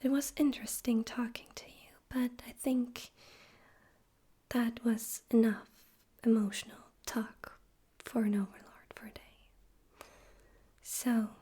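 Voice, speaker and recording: In an ASMR roleplay, a woman voices a smug, theatrical male demon overlord, using a soft, breathy whisper that is deliberate, teasing, and condescending. Her pitch is on the high side and her tone steady, and she sounds composed and threatening.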